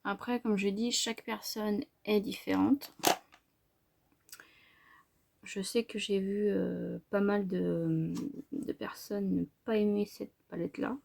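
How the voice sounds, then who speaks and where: A woman narrating a makeup tutorial in a soft, hesitant way, often dropping to a whisper. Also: mid-range voice, steady tone, slow pace, gravelly, a little hiss or hum. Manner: hesitant, many fillers. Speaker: makeup vlogger.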